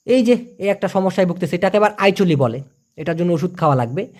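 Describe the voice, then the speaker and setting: Bangladeshi man, high-ish voice, casual teasing tutor who repeats phrases slowly. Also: expressive, a little mellow. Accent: Bangladeshi Bengali. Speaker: language teacher. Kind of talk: casual spoken lesson.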